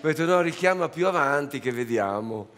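A man's voice: a little high, animated, a little fast, fairly bright tone. A man, a comedian guest, telling self-mocking stories in casual on-stage chat. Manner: laughing, self-mocking storytelling. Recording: large hall with audience. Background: audience crowd.

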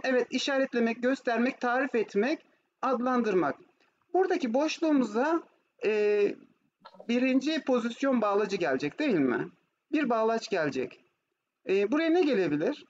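High-voiced Turkish woman teaching German. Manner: explanatory, often checks with questions. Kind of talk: online lesson mixing Turkish explanation with German examples. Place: online video class with screen share. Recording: muffled, noisy online call audio.

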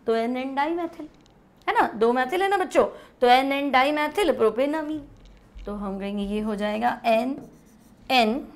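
High-voiced woman teaching chemistry. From India. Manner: explains step by step, repeats terms slowly, asks and answers herself. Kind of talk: classroom lesson on the board.

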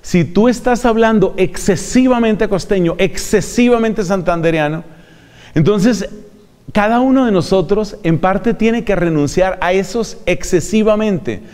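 A friar lectures on preaching with a high, smooth, resonant voice. He speaks in an earnest, emphatic way and addresses his listeners directly. His words ring out with a long hall reverb. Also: a little slow, a little mellow.

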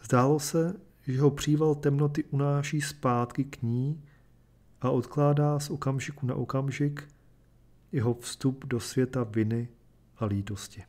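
A man reading a short story aloud and then explaining it in a measured, thoughtful way. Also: mid-range voice, steady tone, darkish tone. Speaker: reader and commentator. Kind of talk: literary reading and lecture.

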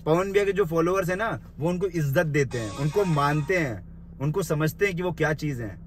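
A man's voice: a little high, lively intonation, a little fast, faint music behind. A young man in a small room delivering an angry, insulting rant into his phone, mocking and confrontational. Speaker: social media commentator.

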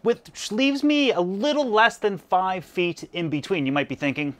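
A man's voice: high-pitched, normal speed, a bit bright. A man in his thirties hosting a DIY aquarium video, chatting casually and upbeat about his basement build with jokey asides. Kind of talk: casual build narration to camera. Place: basement room at home. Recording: faint background music.

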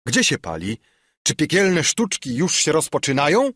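A gruff, commanding old man played by a male audiobook reader barks in a raised, loud voice, lively and scolding. the reader's husky tone stays underneath, recorded close and dry. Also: medium pitch, a little slow, no room sound, pitched above the performer's own voice, exaggerated voice.

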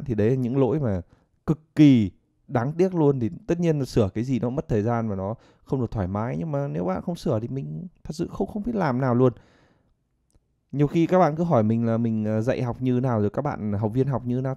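A man from Vietnam teaching English pronunciation in a casual online lesson, coaxing his viewers and modelling English phrases slowly. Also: mid-range voice, warm tone, dry recording, studio quality. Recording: dull, slightly lo-fi sound.

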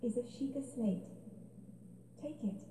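Mysterious female guide from a video game: hushed, very mellow, echoing and distant. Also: fairly high pitch, lively intonation, measured pace, a little hiss or hum. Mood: hushed, urgent. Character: mysterious disembodied woman guiding a sleeping hero.

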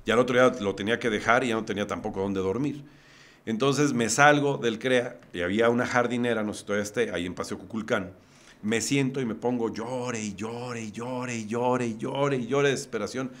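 A man's voice: mid-range voice, a bit bright. A man from Puebla with a Mexican accent, a podcast guest vividly recounting a personal story step by step.

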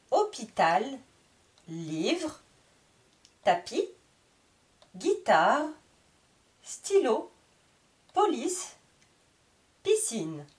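Woman teacher, slow reading lesson, lively high pitch, splits each word into syllables. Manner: spells out words syllable by syllable, repeats each word. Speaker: French teacher. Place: classroom with whiteboard.

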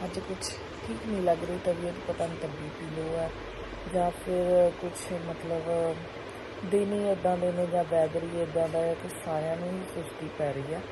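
A woman in her thirties with a Punjabi accent, chatting casually to viewers and family as she narrates her home vlog. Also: fairly low pitch. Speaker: family vlogger, mother. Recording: clear background noise, household and outdoor ambience.

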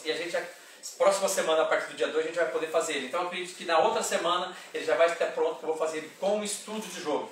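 A man's voice: a little high, heavy reverb, far from the mic, a little hiss or hum. A middle-aged man who runs a lottery shop, chatting casually straight to camera as he reads out results and prices. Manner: chatty, reads numbers and prices off papers, adds "tá?" often. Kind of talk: casual direct-to-camera announcements. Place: small office in a lottery shop, indoors. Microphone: far camera on a desk.

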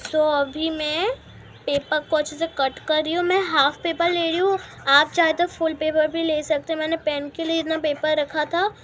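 A woman's voice: high-pitched, little pitch movement, normal speed, a bit bright, a little hiss or hum. A woman hosting a casual step-by-step craft tutorial at home, chatty and calling viewers guys, repeating her instructions as she works. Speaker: craft video host.

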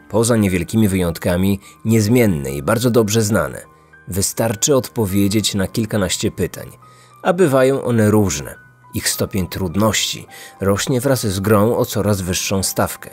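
This true crime podcast host, a man from Poland in his thirties, reads a scripted narrative against background music. His voice is on the low side and a little mellow.

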